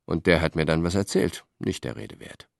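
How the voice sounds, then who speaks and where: A man voicing a sly, well-connected Roman gentleman in an audiobook, chatty and confiding. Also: low voice, lively intonation, moderate pace, creaky, dry recording, clean studio sound.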